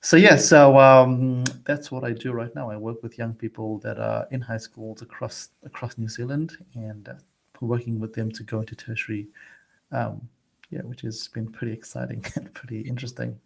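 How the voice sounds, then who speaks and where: A man in his forties from Zimbabwe, a guest advisor on student transitions, talking casually in an interview over a video call, chatty and restarting his words with quick little laughs. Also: medium pitch, level tone, creaky.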